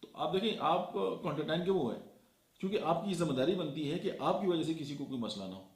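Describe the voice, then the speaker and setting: A man's voice: a little high, expressive, a little fast. A man from Pakistan giving a motivational talk, lecturing and counting off his points one by one with frequent fillers. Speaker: motivational speaker. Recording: echoey room.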